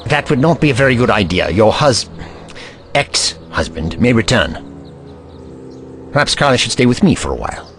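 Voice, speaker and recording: A man's voice: medium pitch, big pitch swings, moderate pace, long pauses, a bit bright, faint music behind. A man playing a curious, kindly, slightly pompous Doctor with formal, theatrical courtesy in an audio drama.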